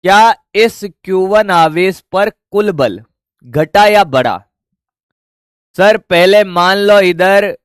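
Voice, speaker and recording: A man with a high, smooth voice teaching physics at an unhurried pace. He keeps firing questions at the class and answering them himself, with a casual, familiar way of addressing the students. The sound is dry and close. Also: dry recording. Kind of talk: physics lesson.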